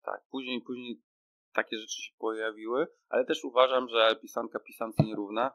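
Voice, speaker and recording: A man's voice: medium pitch, little pitch movement, moderate pace, a bit bright, poor audio. A man hosting a podcast, asking curious questions and giving short affirmations. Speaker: podcast host. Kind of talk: interview questions.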